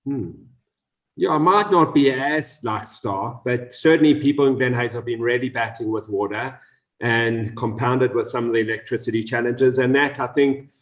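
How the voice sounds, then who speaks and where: A man's voice: medium pitch, moderate pace. A man co-hosting a casual panel chat, easygoing and self-deprecating. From South Africa. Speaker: co-host.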